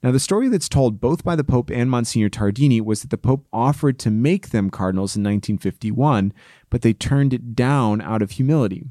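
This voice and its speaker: A man's voice: mid-range voice, lively intonation, a little fast, mellow, no room sound, clean studio sound. A man hosting a history series, telling it in a prepared but conversational, explanatory storytelling way. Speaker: host of a church history series.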